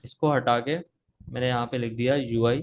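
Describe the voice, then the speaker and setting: A Pakistani coding instructor teaches live over video call in a steady mid-range voice at a moderate pace. He has a sore throat that makes him cough, and he talks while typing, frequently checking in with "theek hai."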